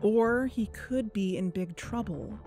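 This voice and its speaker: In an audio drama, an actress voices an earnest, persuasive young woman who hosts an investigative podcast, delivering both narration and phone dialogue. Her medium-pitched voice is warm and unhurried, close to an everyday speaking voice, with a coaxing, sincere manner. Soft music plays in the background.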